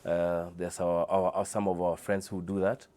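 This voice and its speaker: A man with a Kenyan accent giving informal interview answers in a hesitant, halting way. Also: sits low, flat delivery, dark tone. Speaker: interview guest, car audio dealer.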